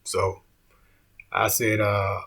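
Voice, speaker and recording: Husky-voiced man telling a story. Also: on the low side, little pitch movement, drawn-out words, fairly bright tone. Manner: laid-back, peppers lines with "man". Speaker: comedian. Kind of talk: casual comedic storytelling.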